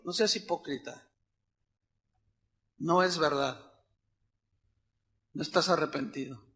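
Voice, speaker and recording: A pastor preaching a sermon, animated, acting out short dialogues in changing voices. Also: male voice, on the high side, takes it slowly.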